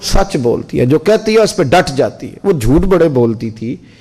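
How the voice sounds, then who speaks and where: A man's voice: on the high side, very animated, moderate pace, a little mellow, husky. A male preacher, telling family stories in a sermon and acting out their voices with rising and falling tones. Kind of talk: sermon with storytelling.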